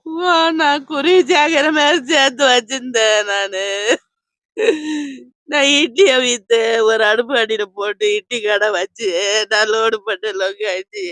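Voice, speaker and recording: A woman's voice: on the high side, expressive, unhurried, fairly bright tone, no room sound. A woman, crying as she tells a reporter about being robbed, in a wailing, repetitive lament. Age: 50s. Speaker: robbery victim interviewed by a reporter. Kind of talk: emotional street interview.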